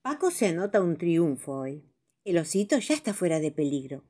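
A woman narrating children's stories as a storyteller, with a lively, dramatic reading style. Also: fairly low pitch, moderate pace.

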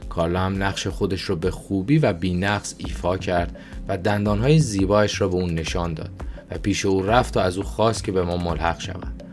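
A man narrating an audiobook in a calm, even reading voice. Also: low voice, faint music behind.

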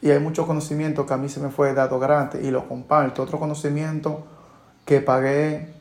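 A man's voice: fairly high pitch, little pitch movement, a little fast. A man giving a motivational monologue as a personal finance coach, earnest and coaching, often repeating rhetorical questions. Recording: roomy echo.

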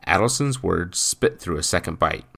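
A man reading a story aloud as narrator, with an expressive, dramatic delivery. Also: low-pitched, normal speed, vocal fry.

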